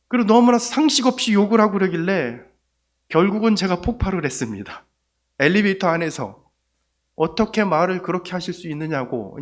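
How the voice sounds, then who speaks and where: A middle-aged man, a pastor, preaching a sermon and telling a story with lively, rising delivery. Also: sits high. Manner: animated storytelling, voice rising sharply when retelling anger.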